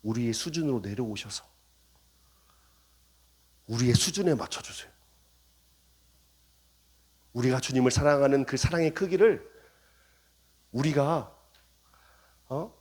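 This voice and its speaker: A man's voice: medium pitch, unhurried, long pauses, darkish tone, breathy edge. A male pastor preaching a revival sermon in a church, acting out dialogue in shifting voices. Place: church sanctuary.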